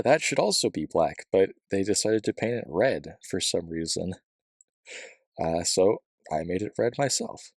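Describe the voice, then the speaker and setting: A deep-voiced man talks through his gameplay in a loose, rambling way, full of ums and restarts and quick jokes at his own expense. His voice is low with a gravelly, fried edge. The sound is dry and close, with no room around it. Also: darkish tone, no room sound. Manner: rambling, self-deprecating, many fillers and restarts. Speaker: let's play host. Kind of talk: casual gameplay commentary.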